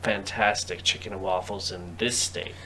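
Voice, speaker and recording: A man's voice: deep voice, steady tone, normal speed, sharp tone. A man hosting a casual podcast, joking around and chatting loosely with a friend. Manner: joking, playful, jumps into silly voices. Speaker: podcast host. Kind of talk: casual chat. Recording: noisy home recording.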